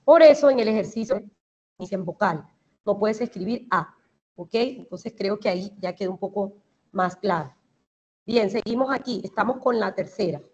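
A woman's voice: mid-range voice, moderate pace, a little mellow, muffled recording. A woman with a Colombian Spanish accent teaching English grammar in an online class, explaining step by step and checking that the students understand.

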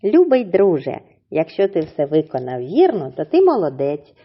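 A woman teacher with a husky voice, giving a slow, clearly enunciated reading lesson to young children and drawing out words syllable by syllable. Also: sits low, wildly swooping pitch, highs cut off. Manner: syllable-by-syllable drawn-out pronunciation, encouraging. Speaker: primary school teacher.

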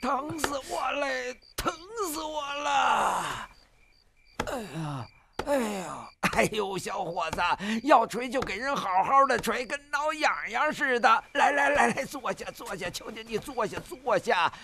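A man's voice: extremely high pitch, lively intonation, unhurried, creaky, a crowd in the background, full character voice. An actor playing a groaning, demanding old man with an aching back, whining and wheedling in a dubbed film. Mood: demanding, whiny. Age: older. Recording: noisy film audio with clicks.

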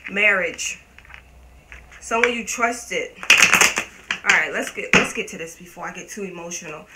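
A woman giving a casual tarot reading to her viewers, chatty and emphatic, swearing freely. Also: mid-range voice. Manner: talks to viewers as "you guys". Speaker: tarot reader. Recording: steady background noise.

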